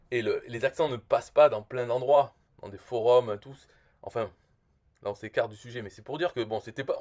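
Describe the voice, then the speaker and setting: A man delivers a rambling comic rant as a self-appointed marketing expert. He is blunt and crude, and he keeps restarting his sentences as he circles back to the same complaint. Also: medium pitch.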